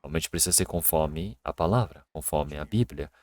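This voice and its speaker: A man's voice: very deep voice, moderate pace. Earnest male pastor preaching a sermon. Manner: earnest preaching, grows lively telling anecdotes.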